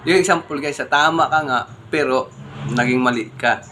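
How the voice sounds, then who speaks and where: A man's voice: mid-range voice, normal speed, bright, forceful tone, a little hiss or hum. A man talking casually to his viewers in a vlog, asking rhetorical questions and calling them "guys" again and again. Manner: conversational, keeps saying "guys", rhetorical questions. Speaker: vlogger. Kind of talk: casual morning vlog talk.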